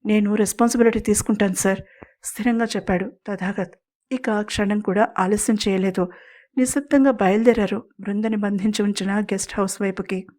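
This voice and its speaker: A woman storyteller reading a scripted family drama, steady and expressive. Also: mid-range voice. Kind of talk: scripted audio story narration.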